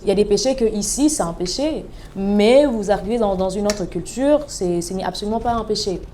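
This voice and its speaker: A woman's voice: medium pitch, brisk, dark tone, a little hiss or hum. A woman guest on a casual studio talk show who explains her views thoughtfully, with frequent fillers.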